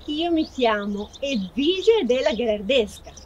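A woman's voice: high-pitched, big pitch swings, a little mellow, lo-fi sound, slight background noise, heavily acted. A woman playing a gracious castle lady. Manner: gracious, slow, reciting poetry with feeling. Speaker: actress in a short film. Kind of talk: amateur theatre acting.

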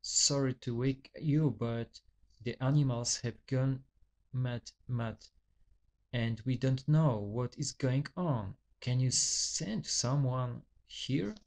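Stammering, shaken old watchman, read by a man, slow and halting with a slightly raised voice. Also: medium pitch, darkish tone. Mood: frightened. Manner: stammering, trembling. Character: frightened elderly male security guard.

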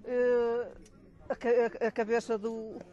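A woman's voice: on the high side, level tone, takes it slowly, dark tone, muffled recording. A woman with a European Portuguese accent, a seller naming her homemade sausages with small stumbles. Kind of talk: casual interview.

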